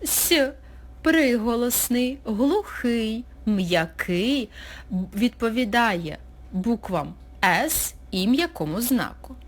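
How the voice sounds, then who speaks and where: A woman teacher narrating a recorded school lesson, speaking slowly and clearly as if dictating. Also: on the high side, lively intonation. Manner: slow, clear, dictating pace.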